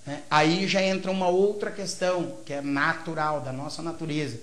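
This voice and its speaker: A man's voice: on the high side, steady tone, normal speed, a bit bright. Man, Brazilian Portuguese accent, grammar teacher, lecturing, explanatory, frequent tag questions, echoey room. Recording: roomy echo.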